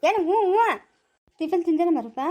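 A woman playing a brisk chiding mother. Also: very high voice, dark tone.

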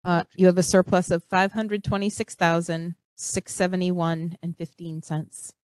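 Lady going over budget numbers at a school board table, slightly low voice, dry close sound. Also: level tone, normal speed, darkish tone, dry recording, low-quality recording. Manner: plain, matter-of-fact reporting. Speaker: district business administrator. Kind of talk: meeting discussion. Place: school library meeting room.

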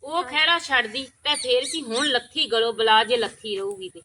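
A woman's voice: on the high side, normal speed, background noise. A woman with a Punjabi accent acting in a village short film, complaining and ranting in an aggrieved way.

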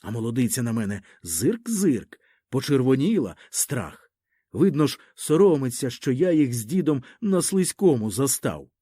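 Expressive male audiobook storyteller. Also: medium pitch, normal speed, slightly rough, dry recording. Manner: lively storytelling voicing a boy's first-person tale. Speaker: audiobook narrator. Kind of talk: expressive literary reading.

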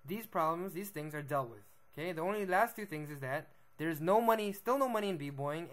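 Young male b-boy vlogger, a little high-pitched, laid-back lecture tone, constant "right?" check-ins. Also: a bit bright. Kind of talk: casual explanatory monologue.

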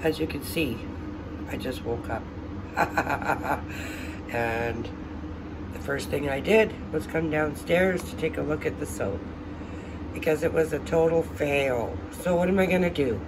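A man's voice: fairly high pitch, normal speed. A man chatting casually in a soap-making vlog at home, thinking aloud with fillers as he goes. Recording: distant mic, air-conditioner hum.

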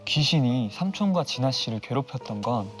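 A man telling a ghost story on a TV studio set, building suspense with drawn-out pauses. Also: mid-range voice, animated. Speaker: storyteller on a horror talk show. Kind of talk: dramatic ghost-story narration. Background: eerie background music.

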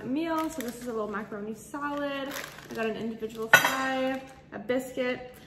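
A young woman hosting her own vlog, chatting casually and bubbly while she eats, laughing between phrases. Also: on the high side. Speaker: vlogger host. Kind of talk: casual chat mukbang vlog. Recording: echoey room with noise.

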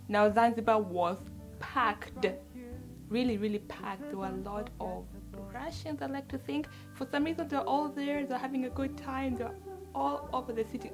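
A woman from Tanzania, chatting through a casual travel recap as a vlogger and dropping Swahili words into her talk. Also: mid-range voice.

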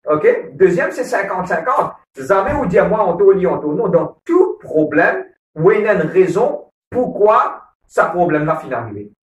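A man's voice: sits high, very animated, moderate pace, few pauses, distant mic, muffled recording. A man with a Mauritian Creole accent, talking earnestly about marriage at a church gathering, repeating his points and often checking in with "ok?". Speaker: married churchgoer speaking on a couples program. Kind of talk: casual church talk on marriage. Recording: roomy echo, voice from away from the mic.

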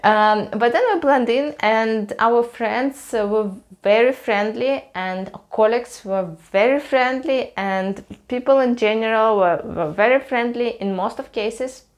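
At home in a small, cluttered indoor room, a young vlogger from Russia recounts a story to the camera. She has a Russian accent and a slightly high voice; her pace is measured with hardly any pauses, though her delivery is hesitant and full of fillers.

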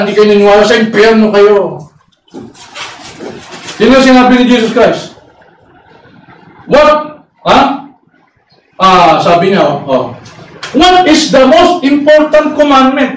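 A man debating heatedly, sometimes shouting and firing off rhetorical questions. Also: high-pitched. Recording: echoey room, voice far from mic, faint noise.

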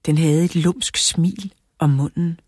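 Low husky woman reading a children's story. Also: steady tone, a little mellow, dry recording, clean studio sound. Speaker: audiobook narrator.

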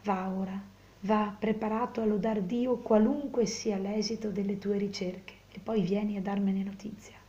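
A woman reading aloud, voicing a grave, compassionate old friar who speaks in a solemn, measured way. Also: medium pitch, fairly even intonation, warm tone, dull audio, close to an everyday voice.

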